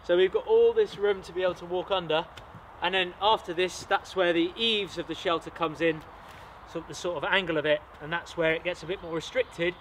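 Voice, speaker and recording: A man's voice: high voice, steady tone, a little fast, slight background noise. Enthusiastic man outdoors in a forest. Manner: enthusiastic, explains while working. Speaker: bushcraft channel host. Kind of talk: casual outdoor vlog talk. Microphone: camera mic, sometimes far off.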